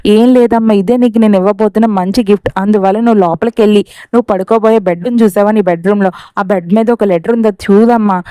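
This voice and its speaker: A woman's voice: medium pitch, steady tone, fast, hardly any pauses, warm tone, smooth, dry recording, studio quality, close to an everyday voice. A woman reading the lines of an earnest young man who is a devoted son, in a reassuring storytelling voice.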